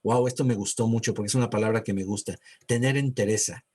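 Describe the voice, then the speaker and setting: Husky-voiced man preaching a sermon. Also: fairly low pitch, steady tone, a little mellow. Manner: conversational preaching, slows to read verses. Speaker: pastor. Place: church.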